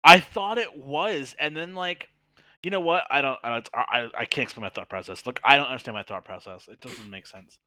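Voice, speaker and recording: A man's voice: medium pitch, fairly quick, bright, forceful tone, no room sound. A man co-hosting a podcast, chatting casually with friends. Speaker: podcast co-host. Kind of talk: casual banter.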